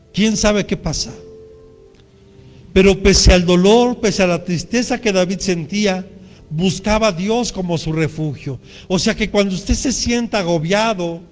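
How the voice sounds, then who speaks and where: High-voiced Mexican pastor preaching. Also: male voice, big-room sound. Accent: Mexican Spanish. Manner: earnest, addresses the congregation directly. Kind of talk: sermon.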